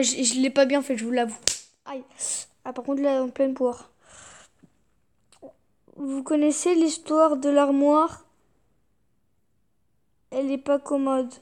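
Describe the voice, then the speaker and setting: A woman's voice: sits high, darkish tone. A young woman YouTuber reading jokes aloud, fighting back giggles and muttering reactions between them.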